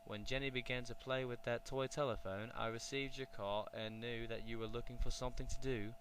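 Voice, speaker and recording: A man voicing a jolly magical duck gentleman with a British accent in a children's storybook, polite and cheerful, over a faint hum. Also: medium pitch, steady tone, brisk, natural voice, rough recording. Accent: British English.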